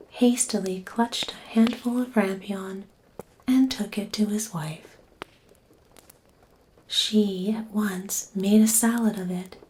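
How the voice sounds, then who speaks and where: A woman reading a bedtime story in a soft, breathy, whispery voice, gently and soothingly. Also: medium pitch, slight background noise, low-quality recording. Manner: gentle, soothing, unhurried delivery.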